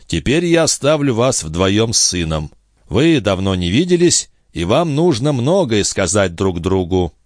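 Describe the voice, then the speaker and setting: Guy reading a calm smug sorcerer, low voice, dry close sound. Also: measured pace, no echo. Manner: imposing, calm, casual. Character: smug, imposing male sorcerer guest.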